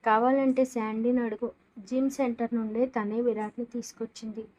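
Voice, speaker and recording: A woman's voice: a little high, level tone, moderate pace, darkish tone, close to an everyday voice, poor audio. A woman voicing a concerned older brother who earnestly explains and comforts.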